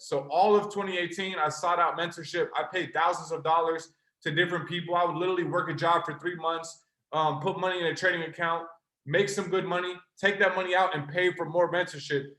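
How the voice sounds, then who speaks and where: A young adult man, a trading mentor, gives an earnest, passionate motivational sales pitch to a live online call, speaking straight to his listeners. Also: sharp tone. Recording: roomy echo.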